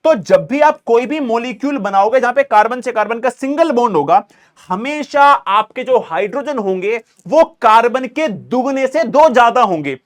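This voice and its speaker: A man's voice: very high voice, lively intonation, normal speed. A male teacher giving a casual exam revision lesson, repeating phrases as he writes and answering his own questions. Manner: calls students "bhai", casual.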